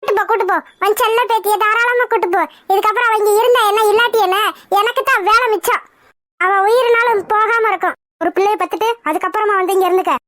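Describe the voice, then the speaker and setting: Lady doing a mean sarcastic cartoon mom, taunting, fast and squeaky. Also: steady tone, fairly bright tone.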